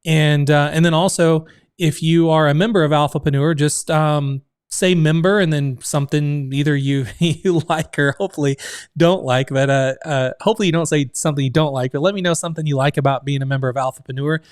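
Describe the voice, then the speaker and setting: Streaming casually from his home office, a community founder in his thirties talks chattily, full of fillers, and reads comments from chat. He speaks fairly quickly at a fairly high pitch with fairly even intonation, his clean tone strained, almost losing his voice. The recording is dry and studio quality.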